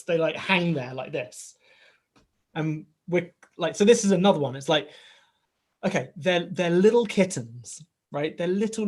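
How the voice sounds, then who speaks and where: A man in his thirties co-hosting a casual podcast, telling a rambling, animated story full of "like" and "right?" and acting out bits of dialogue. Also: a little high. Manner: acts out quoted dialogue in the story. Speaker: podcast co-host, father of a young boy. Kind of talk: casual chat.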